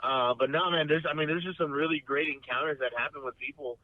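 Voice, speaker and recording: A man's voice: on the high side, fairly even intonation, fast, dry recording. A man, a band member guest in a casual interview, talking earnestly and rambling with many restarts. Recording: dry, phone-like remote line.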